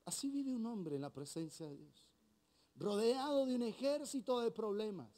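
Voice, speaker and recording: Colombian male pastor, high lively voice, animated sermon delivery. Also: normal speed. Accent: Colombian Spanish. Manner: animated preaching, acting out dialogue.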